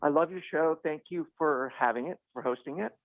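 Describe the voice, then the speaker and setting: A man's voice: fairly high pitch, a little fast, no echo. A radio show caller, a man talking politely and briefly over a phone line. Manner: polite, soft-spoken, brief replies. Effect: caller heard over a phone line on a radio show.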